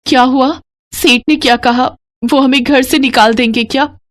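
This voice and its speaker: Lady doing scared little girl voices in a kids cartoon, high, teary. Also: measured pace, no echo. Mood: fearful. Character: frightened little poor girls.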